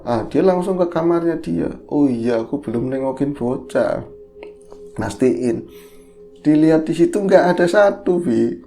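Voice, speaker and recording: A mellow-voiced horror podcast co-host, spinning a ghost story in relaxed chat. The talk is lively, and quoted characters pop out in a raised voice. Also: medium pitch, measured pace, faint music behind.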